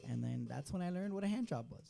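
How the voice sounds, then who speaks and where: A man's voice: high voice, animated, quick pace, gravelly, mellow. A man in his late twenties co-hosting a podcast, telling rambling, profane, slang-filled stories in casual chat. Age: late 20s. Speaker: podcast co-host.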